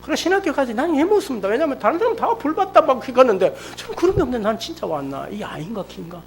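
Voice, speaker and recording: A middle-aged man preaching a sermon at a church service, telling a personal story with lively, acted-out storytelling. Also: very high voice, fast talker. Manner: animated storytelling, acts out quoted speech. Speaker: pastor. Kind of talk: sermon testimony.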